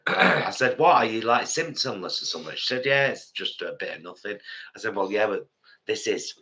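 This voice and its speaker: A man's voice, lowish and brisk, belongs to an English co-host in his fifties who chats casually on a live stream. Nursing a cold that leaves him a bit stuffed up, he tells rambling stories with plenty of animation.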